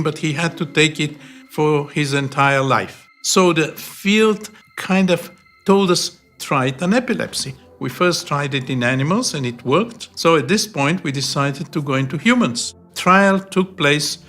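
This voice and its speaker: An older man from Bulgaria, a research scientist, recounting his work slowly and deliberately in a documentary interview. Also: on the high side, fairly bright tone.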